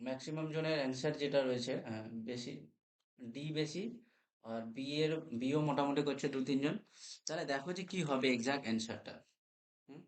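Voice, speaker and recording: A man's voice: medium pitch, fairly quick. A man with a Bengali accent teaching an English grammar class. He often checks in with his students and spells words out letter by letter. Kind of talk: live online class lecture.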